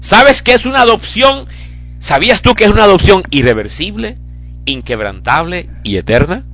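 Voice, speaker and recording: High, lively-voiced impassioned male preacher. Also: normal speed, soft background music. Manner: impassioned, rising into fervent cries. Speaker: pastor. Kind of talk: sermon.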